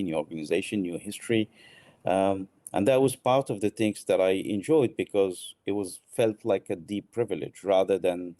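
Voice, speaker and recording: A middle-aged man from Morocco, answering interview questions thoughtfully, with frequent restarts and pauses. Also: deep voice, mellow, dry recording. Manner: thoughtful, halting with many restarts. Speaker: guest, art exchange founder.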